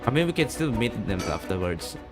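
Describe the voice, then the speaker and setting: A man's voice: mid-range voice, sing-song, fairly quick. A man streaming a game, chatting, thinking aloud and reading the dialogue out. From Malaysia. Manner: chatty, thinks aloud, restarts mid-sentence. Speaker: VTuber streamer. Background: game music.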